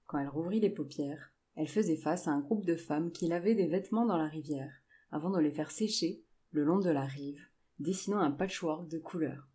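Woman audiobook narrator, low, warm, measured. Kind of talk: scripted narration.

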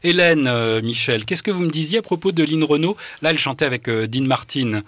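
A man's voice: on the high side, fairly quick, fairly bright tone, no room sound. A man hosting a radio interview, talking with many hesitations and filler sounds. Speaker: radio host. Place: radio studio.

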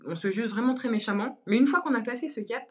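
Chatty young woman guest, relaxed. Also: fairly high pitch, quick pace, breathy edge. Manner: chatty, many fillers and restarts, laughs easily. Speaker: guest, content creator. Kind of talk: casual podcast conversation.

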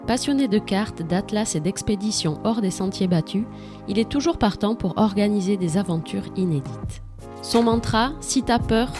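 Woman hosting a podcast, music behind. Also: medium pitch. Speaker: podcast host. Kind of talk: scripted podcast introduction and interview.

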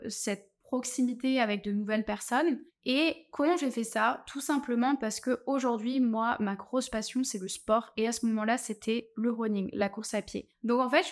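A young woman from France, giving casual travel advice as a vlogger, chatty with lots of fillers and restarts. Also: on the high side.

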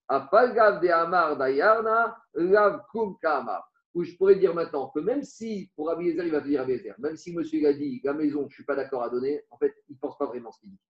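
Guy with a high voice teaching talmud, asks rhetorical questions a lot, dull echoey class recording. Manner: animated explaining, rhetorical questions, Aramaic terms in his French. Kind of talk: Talmud class lecture to students.

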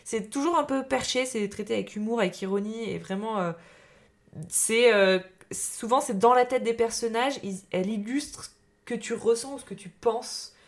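A woman's voice: fairly high pitch, normal speed. A young woman chatting casually as a podcast co-host, laughing easily and using many fillers. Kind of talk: casual chat.

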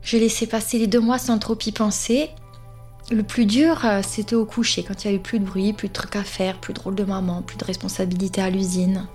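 A woman's voice: medium pitch, flat delivery, a little fast, a little mellow, faint music behind. A young woman narrating her own story in a conversational way, often tagging lines with "hein" and speaking straight to her listeners. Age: young adult. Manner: conversational, frequent "hein", addresses listeners directly. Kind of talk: personal storytelling.

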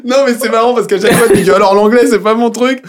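A man from France, a musical theatre performer and dubbing actor, chatting playfully as a guest in a casual podcast interview, joking and telling stories with expressive energy. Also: extremely high pitch, quick pace. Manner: playful, jokey, expressive storyteller.

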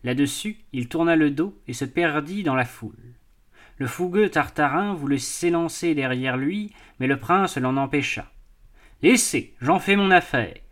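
Give me a man narrating an audiobook in a measured, expressive way, slightly high-pitched. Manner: measured, expressive literary reading. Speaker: audiobook reader. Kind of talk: scripted narration.

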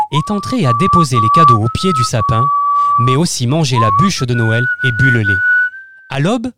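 Male narrator for a kids' storybook podcast, animated and expressive. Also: mid-range voice. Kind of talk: children's bedtime story narration.

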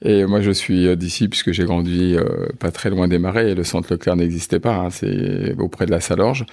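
A French funeral home manager in his fifties chats casually in an interview, full of hesitant filler sounds. His voice is low and darkish with vocal fry, holding a steady tone at a moderate pace.

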